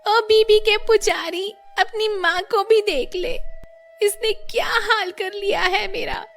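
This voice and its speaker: A shrill, squawking old mother-in-law who is half deaf and always scolding, put on by a woman narrating a cartoon. She talks very high and very loud over soft background music. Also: steady tone, slow, heavily acted. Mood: wailing. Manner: shrill, scolding, shouts and wails.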